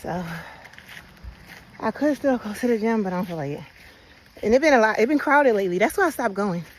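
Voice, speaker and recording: A woman's voice: fairly high pitch, expressive, brisk, slight background noise, low-quality recording. Chatty woman vlogging outdoors. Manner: chatty, talks straight to viewers. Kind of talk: casual walking vlog. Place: outdoors on a path by the water.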